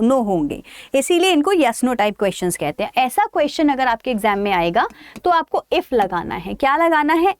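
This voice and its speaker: A young woman with an Indian accent teaches grammar in a high, lively voice. She keeps asking the class questions and answering them herself. The sound is dry and close. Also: dry recording. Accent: Indian English. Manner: lively, asks and answers her own questions. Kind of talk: online grammar lesson.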